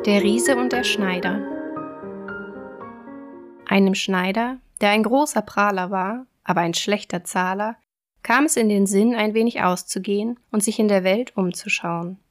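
A woman reads a fairy tale aloud in a calm, steady voice of medium pitch. Her narration is even and unhurried. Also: soft background music.

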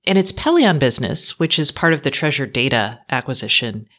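A woman's voice: very deep voice, lively intonation, fairly quick, fairly bright tone. A woman co-hosting a tech podcast, talking frankly in casual chat with dry asides that trail off. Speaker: podcast co-host.

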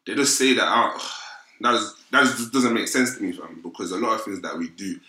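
Young London man, roadman accent and slang, low forceful voice, roomy echo. Casual, opinionated panel talk. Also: fairly quick. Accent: London, urban street style. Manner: London roadman slang, frequent "fam" and "innit". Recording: roomy, echoing sound.

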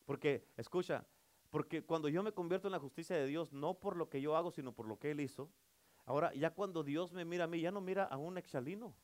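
A male pastor preaching a sermon, emphatic, calling for amens and swinging between loud and soft. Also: a little high, fairly quick.

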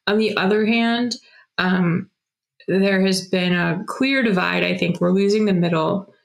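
A woman guest in a casual conversation, explaining her views in a measured way. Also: medium pitch, vocal fry.

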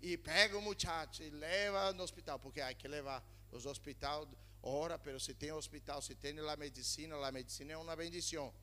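A man's voice: on the high side, steady tone, fairly quick, hardly any pauses, pushed and bright. A male pastor from Brazil preaching a sermon to his congregation in a church in Spain, mixing Spanish words into his Portuguese and calling out to the people. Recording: long reverb of a church hall.

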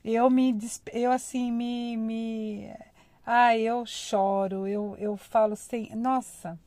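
Woman, informal devotional speaker, slightly high voice, dry close sound, chatty, acts out prayers. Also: little pitch movement, slow pace, no echo. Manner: warm conversational, addresses listeners as "gente".

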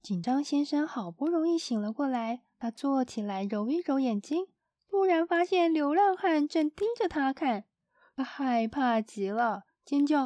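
A woman narrating a children's storybook in a gentle, expressive storytelling manner. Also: high voice, a little slow, no room sound.

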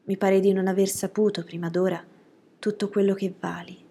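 A woman voicing a frank, sharp-witted young woman, speaking low, hushed and breathy with pointed judgements. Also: little pitch movement, brisk. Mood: tender.

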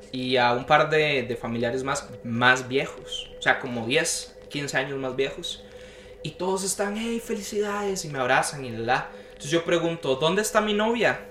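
Young adult male storyteller, animated, acts out quoted voices, slightly high voice. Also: slight background noise. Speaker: podcast guest telling a story. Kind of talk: casual storytelling chat. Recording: roomy echo.

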